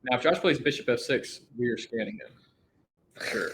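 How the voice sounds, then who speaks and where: A man doing live chess commentary in a casual, thinking-out-loud way. He often restarts his sentences and trails off mid-thought. His voice sits at an everyday middle pitch, with a faint hiss behind it. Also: animated, fairly quick, poor audio. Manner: thinks aloud with frequent restarts and fillers.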